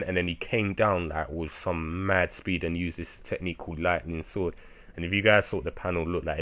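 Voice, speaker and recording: Low-voiced excitable man. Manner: rambling, excitable, many fillers and laughs. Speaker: manga reviewer. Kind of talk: casual chapter recap.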